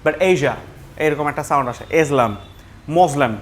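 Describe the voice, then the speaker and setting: A man with a Bangladeshi accent leads a classroom pronunciation lesson in a slightly high voice. He explains patiently, repeats each word slowly, and slips English phrases into his talk. Faint background noise sits under his voice.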